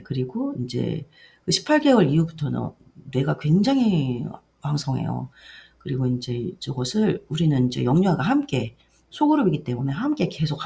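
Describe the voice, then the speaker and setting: A middle-aged woman, a daycare director, earnestly explaining her program to parents, with sentence ends that trail off softly. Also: deep voice, creaky. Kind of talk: education briefing for parents.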